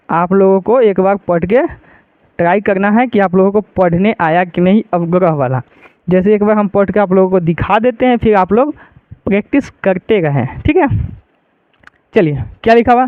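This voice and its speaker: A patient male Sanskrit teacher, walking through reading rules and repeating each point. His voice sits high and sounds clear, though it comes over a narrow, phone-like line in a dry space. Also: no room sound. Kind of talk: online lesson explaining reading rules.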